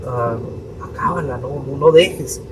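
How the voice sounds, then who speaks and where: Recorded from a distance with constant room noise, a young priest recounts something from his own life for a podcast. His mid-range voice moves a little slowly, and he takes on his parents' voices while telling it.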